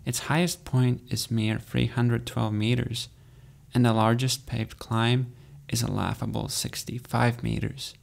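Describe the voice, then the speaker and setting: Gravelly-voiced man narrating calmly. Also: medium pitch, a little slow. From Latvia. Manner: calm, dry, matter-of-fact storytelling. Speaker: cyclist recounting a race. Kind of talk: scripted narration.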